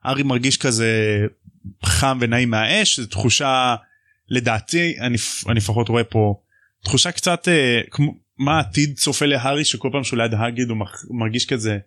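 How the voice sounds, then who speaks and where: A man hosting a podcast, casually retelling a book chapter in a jokey, animated way and acting out the voices. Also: medium pitch, no echo, studio quality. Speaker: podcast host.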